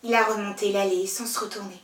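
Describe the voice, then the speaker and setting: A woman performing a theatrical monologue, wistful and storytelling, swinging between hushed lines and loud pleading ones. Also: medium pitch, fairly even intonation, fast talker, recorded from a distance. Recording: echoey room, voice from afar.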